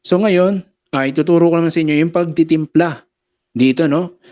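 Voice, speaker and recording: A man gives a casual step-by-step tutorial on mixer settings from a small home studio, pausing to say mic-check phrases into a condenser microphone. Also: on the high side, a little mellow. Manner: explains step by step, says mic-check phrases between adjustments. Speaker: audio gear seller and tutorial host. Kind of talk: casual how-to demonstration. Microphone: condenser microphone through a mixer.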